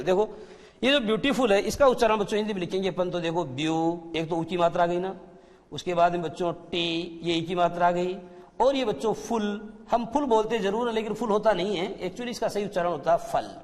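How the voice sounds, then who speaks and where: Male teacher, high-pitched, asks and answers his own questions, reverberant hall sound. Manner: explains slowly, asks pupils questions and answers them himself. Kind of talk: classroom grammar lesson.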